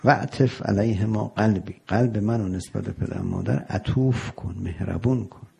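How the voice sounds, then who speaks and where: Guy preaching a sermon, low gravelly voice, husky, slows down on the arabic bits. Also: warm tone. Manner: explains Arabic prayer phrases in Persian, slow on quotes. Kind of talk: religious sermon.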